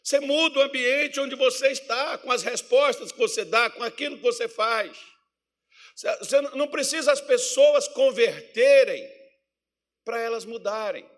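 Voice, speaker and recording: A middle-aged pastor from preaches in its with a rather high voice. He tells homely stories and swings from ringing declarations down to quiet asides. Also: normal speed. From Minas Gerais, Brazil. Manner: folksy, storytelling preacher who shifts between loud declarations and soft asides. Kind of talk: sermon.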